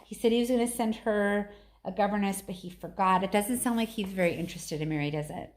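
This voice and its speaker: A middle-aged woman reads a story aloud with expression, now and then slipping into casual, conversational talk. Her mid-range voice moves fast.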